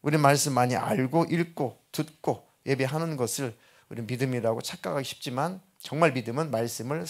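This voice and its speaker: A male pastor preaching a sermon in a church, talking in a conversational way and repeating key phrases for emphasis. He drops to a soft, quiet voice at moving points. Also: medium pitch. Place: church sanctuary.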